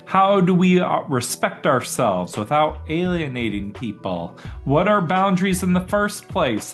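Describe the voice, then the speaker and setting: A man hosting an interview podcast, reading the show's intro and asking his guest steady, inviting questions. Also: fairly high pitch. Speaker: podcast host.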